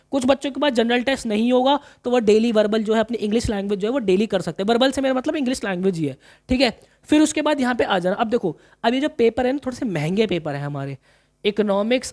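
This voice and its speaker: A man coaching commerce students through exam planning in a casual, chatty way, often repeating himself and calling listeners brother. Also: sits high. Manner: chatty, repeats phrases, calls listeners brother, mixes in English terms.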